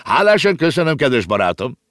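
A man's voice: medium pitch, big pitch swings, fairly bright tone, no room sound, studio quality, pitched above the performer's own voice. A man voicing a courteous, matter-of-fact talking circus horse in a storybook reading.

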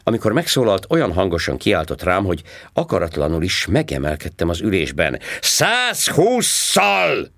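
A man reading a story aloud in a calm, low, unhurried way. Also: no room sound, studio quality. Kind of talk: audiobook narration.

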